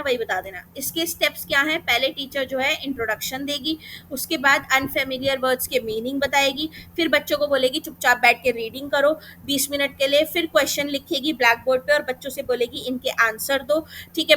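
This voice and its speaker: A woman with an Indian accent teaches an exam-prep class, walking through each step and answering her own questions as she goes. Her voice sits high and sounds bright and clear. A faint hiss runs underneath. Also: low-quality recording. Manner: explains step by step, rhetorical questions, frequent "theek hai".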